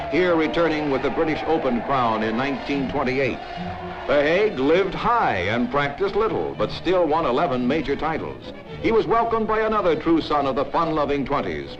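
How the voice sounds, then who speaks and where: A man narrating an old newsreel in a brisk, emphatic announcer manner. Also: fairly high pitch. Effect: old newsreel soundtrack. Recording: dull lo-fi film soundtrack with music.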